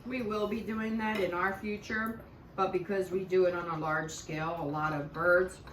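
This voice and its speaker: A woman's voice: on the low side, fairly even intonation, moderate pace, a bit bright, recorded from a distance. A middle-aged woman talks in an easy, chatty way over a dinner table. She sits back from the mic in an echoey room, with a faint hiss and dishes and cutlery clinking behind her. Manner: chatty, conversational. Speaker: homestead channel co-host. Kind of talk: casual chat over dinner. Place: home dining room.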